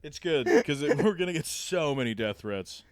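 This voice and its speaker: A man's voice: a little high, animated, normal speed, dry recording. A young man on a comedy podcast, chiming in with laid-back jokes during group banter. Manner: laid-back jokey interjections. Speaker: podcast co-host.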